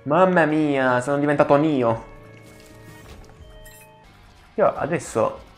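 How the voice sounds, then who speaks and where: Excitable man, slow let's play chatter. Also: mid-range voice. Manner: excitable, swearing, pleading with enemies. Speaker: gaming channel host.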